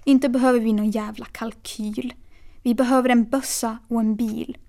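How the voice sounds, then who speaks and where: A woman's voice: fairly high pitch, steady tone, vocal fry, dark tone. A woman voicing a scornful, blunt, grey-haired older man in an audiobook. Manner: contemptuous, blunt.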